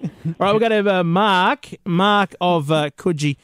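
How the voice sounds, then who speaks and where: A man's voice: sits high, measured pace, fairly bright tone, clear, resonant tone, no echo, studio quality. An Australian man hosting casual, joking talk radio and chatting with callers. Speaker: radio host. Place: dry radio studio.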